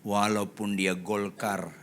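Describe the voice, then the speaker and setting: A male pastor in his sixties preaching a sermon, telling the story dramatically and acting out the characters, swinging between soft asides and loud shouts. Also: on the low side, level tone, slow pace, slight background noise.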